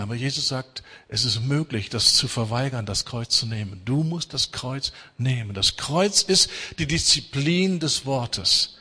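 A middle-aged man preaching a sermon, emphatic, swinging from loud urging to hushed intensity. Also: mid-range voice, husky. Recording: long hall reverb.

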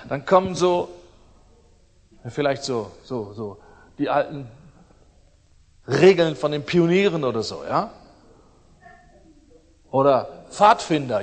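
A middle-aged man delivers a sermon with emphatic force, repeating key phrases and swinging between loud declarations and quiet asides. His voice sits a little high for a man. A long reverb trails each phrase, as in a large hall. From East Germany. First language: German. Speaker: preacher.

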